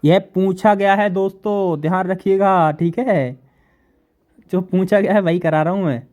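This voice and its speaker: A male teacher giving a classroom lecture, repeating definitions slowly and asking his students questions. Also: high-pitched, darkish tone.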